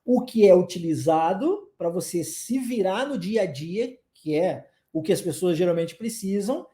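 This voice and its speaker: A Brazilian man teaches English in a lively, chatty way, repeating phrases for practice. His voice is mellow and dark. It is recorded in an echoey room. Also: high-pitched, moderate pace. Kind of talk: online English lesson in Portuguese.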